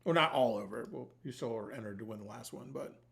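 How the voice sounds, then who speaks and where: A man hosts a livestream giveaway with an average-pitched voice. He talks casually and loosely, rambling from one thought to the next and swearing freely. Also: quick pace, gravelly, a bit bright, a little hiss or hum. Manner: sweary, informal, colloquial.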